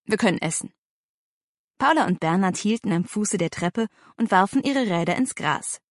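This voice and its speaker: A woman narrating a children's story in a vivid, animated way. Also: mid-range voice, moderate pace, no echo, studio quality. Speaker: audiobook narrator.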